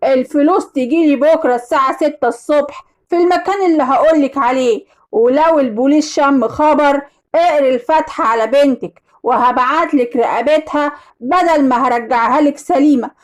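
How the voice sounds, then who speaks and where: A woman voicing a menacing male kidnapper in a storybook tale, speaking slowly and threateningly with an Egyptian Arabic accent. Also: high voice, natural voice. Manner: slow, threatening, drawling.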